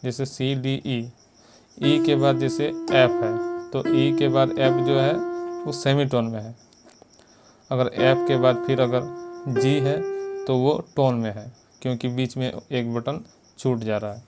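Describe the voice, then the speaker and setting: An Indian man with a mid-range, fairly even voice gives a slow, step-by-step piano lesson, patiently repeating finger counts and note names. Loud piano playing sits behind his voice throughout.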